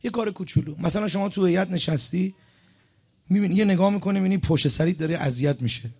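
A man's voice: high voice, creaky, darkish tone, husky. A man preaching a sermon at a religious gathering, telling a story and speaking straight to the congregation, repeating phrases for emphasis. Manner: speaks directly to the congregation, urging and instructing.

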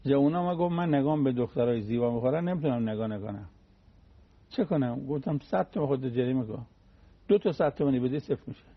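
A man's voice: mid-range voice, animated, narrow, tinny audio. A man giving a conversational religious talk on the radio, teaching through everyday anecdotes and homely examples.

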